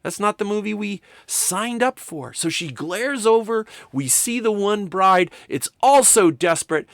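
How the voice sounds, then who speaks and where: A man lecturing on film to students, enthusiastic and emphatic, swinging from quiet remarks to loud excitement. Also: fairly high pitch, dry recording. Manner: enthusiastic, talks to students directly. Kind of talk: recorded lecture.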